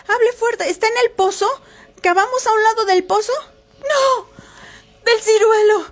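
A woman telling a horror story for a podcast, chatty, with fillers and asides to listeners. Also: high voice.

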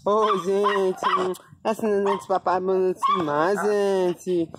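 Man, doting dog owner, slow sing-song baby talk, home video with loud barking. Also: high-pitched, little pitch movement, very noisy. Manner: cooing, sing-song, repeats words over and over.

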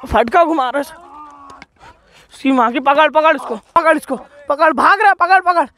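High-voiced young man shouting commands outdoors. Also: normal speed. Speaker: vlogger. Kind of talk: excited outdoor confrontation vlog. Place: outdoors on a road.

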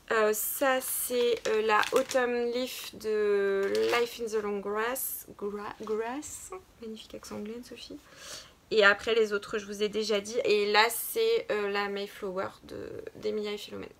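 A woman's voice: fairly high pitch, a bit bright, a little hiss or hum. A woman co-hosting a casual knitting podcast, talking hesitantly with many fillers and restarts. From France. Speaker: podcast co-host. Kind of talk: casual chat about knitting.

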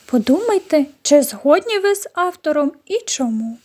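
High-voiced woman teaching young children. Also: very animated, darkish tone. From Ukraine. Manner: slow, clear classroom instructions with questions to pupils. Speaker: primary school teacher. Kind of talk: recorded online lesson for children.

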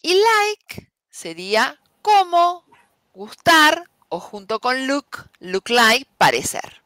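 A woman's voice: sits high, sing-song, slow, pushed and bright, no echo. A woman teacher, patiently explaining an English lesson step by step and often checking in with "¿sí?". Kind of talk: online class explanation.

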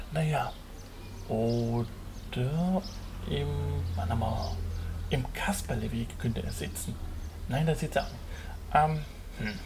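A man's voice: mid-range voice, creaky. A man voicing an eager, helpful hero in a German children's puppet show, chatting to the children in a theatrical way. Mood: cheerful, searching. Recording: noisy home puppet-stage recording.

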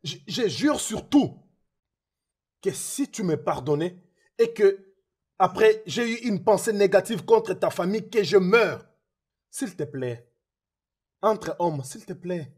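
A man's voice: fairly high pitch, animated, takes it slowly, pauses often, darkish tone, husky, full character voice. A man dubbing a remorseful man who begs forgiveness, repeating his apologies and swearing oaths, in a French film dub. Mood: pleading.

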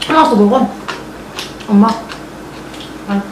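A woman's voice: fairly high pitch, a little slow, background noise. Young woman talking with her mouth full. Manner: short remarks between bites. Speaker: family member at a home meal. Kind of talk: casual family chat over a meal. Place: home dining table, indoors. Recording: roomy, distant mic, clattering dishes.

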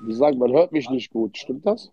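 Indoors in a hotel room, a livestream host chats in German with an Arabic-tinged accent, streetwise slang, repeated words and many Arabic interjections. He sounds animated and mellow, mid-range in pitch and a little fast. A phone held close, without headphones, records dull, lo-fi livestream sound.

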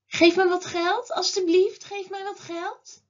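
A woman voicing a blind male beggar who calls out loudly, pleading for help. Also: steady tone, a little slow, lo-fi sound. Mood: begging. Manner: shouting out loud in high pleading cries.

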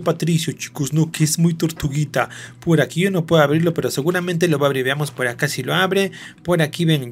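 Excitable gamer man. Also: a little high, a little hiss or hum. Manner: excitable, keeps talking to viewers. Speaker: gaming host. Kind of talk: let's-play commentary.

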